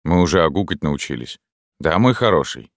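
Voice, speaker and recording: A man's voice: very deep voice, sing-song, a little fast, no echo, clean studio sound, exaggerated voice. A man voicing an aging stepfather, a touchy retired officer who complains and scolds. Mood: hurt. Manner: plaintive, scolding.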